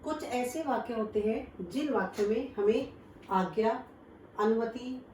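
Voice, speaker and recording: A woman's voice: fairly high pitch, a little mellow, slight background noise. Give me a patient woman teaching grammar to kids, recorded from a distance in a roomy space. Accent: Indian Hindi. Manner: patient, explains slowly with examples, addresses children. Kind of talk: classroom grammar lesson.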